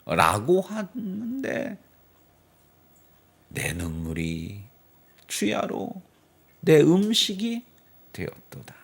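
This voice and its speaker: A man's voice: on the high side, big pitch swings, measured pace, pauses often. A male pastor delivering a Sunday sermon in church, telling the story dramatically and asking the congregation rhetorical questions. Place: church sanctuary.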